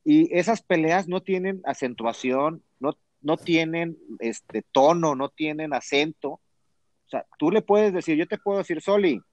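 A man's voice: a little high, a little slow, darkish tone, no echo. A man with a Mexican accent hosting a casual podcast chat, slangy and telling stories with quoted dialogue. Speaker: podcast host.

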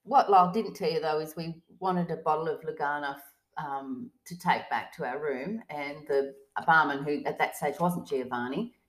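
Low-voiced woman, rambling chat. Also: moderate pace, rough recording. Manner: rambling, lots of fillers and restarts. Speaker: podcast co-host. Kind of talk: casual travel chat.

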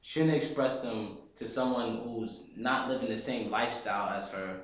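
A man's voice: mid-range voice, moderate pace. A young man co-hosting a casual podcast chat, laid-back and opinionated, making his points with slang. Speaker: podcast co-host. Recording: echoey, dull lo-fi room.

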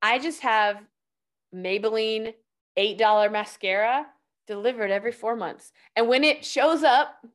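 This guest is a life-hacks coach from California, talking casually on a podcast about life tips with plenty of filler words. She sounds chatty and loose, leaning heavily on "like," and her voice sits on the high side with a slightly slow pace.

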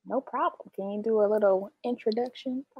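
A woman hosts the interview with a mid-range voice. She asks questions briskly and keeps short acknowledgments going while her guest talks. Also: mid-range voice, husky, lo-fi sound. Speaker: host, interviewer. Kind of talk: casual interview.

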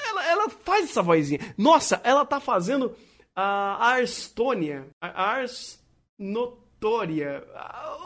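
Co-host, lively swooping pitch, rambling and profane, casual chat; cast for an easygoing podcast. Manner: animated, rambling, swears freely.

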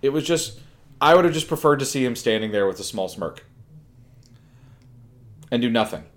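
A man co-hosting a casual film review podcast, talking in a relaxed, agreeable way. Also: medium pitch, moderate pace. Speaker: podcast co-host.

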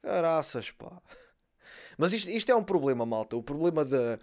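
A man from Portugal with a European Portuguese accent, a comedian talking in a casual monologue, animated and slangy, acting out quoted lines. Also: a little high, normal speed. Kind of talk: casual stand-up style monologue.

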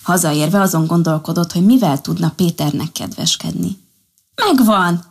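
A woman reads a children's story aloud, calm and even. Her voice is low and husky, with a gravelly, creaky texture.

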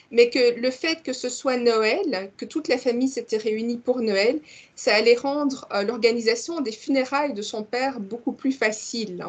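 A woman podcast co-host with a husky, higher-pitched voice tells an anecdote in casual chat, animated and laughing easily with frequent fillers. She is multilingual, having grown up in Congo and Belgium.

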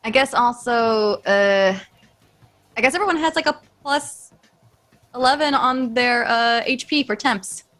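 A woman player in a casual tabletop game, excitable, laughing and swearing as she talks through her turn. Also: on the high side, a little slow.

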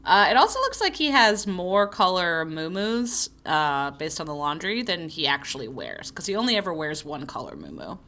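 A woman's voice: fairly low pitch, very animated, moderate pace, hardly any pauses, pushed and bright. A woman co-hosting a podcast, chatting casually about a cartoon episode in a laid-back way, laughing often and using many fillers. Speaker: podcast co-host.

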